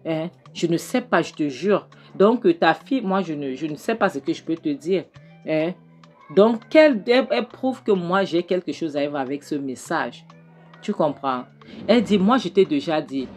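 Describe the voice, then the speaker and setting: A woman recaps a film in a casual, animated way, tagging little "hein?"s onto her remarks and acting out the dialogue. Her voice sits low and deep. Faint music plays underneath her. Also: moderate pace. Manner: animated, keeps adding "hein?" and re-enacts dialogue.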